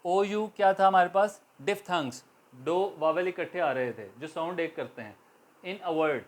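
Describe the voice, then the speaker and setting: A man's voice: high-pitched, unhurried. A man with a Pakistani accent teaching an English lesson, spelling words out letter by letter and checking in often with "okay". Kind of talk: spoken lesson.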